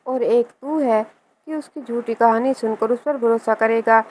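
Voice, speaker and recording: A woman voicing an angry, unforgiving mother who scolds her son, with a fairly high voice. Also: steady tone, a little mellow, a little hiss or hum, lightly acted, low-quality recording. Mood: scolding. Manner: scolding and contemptuous.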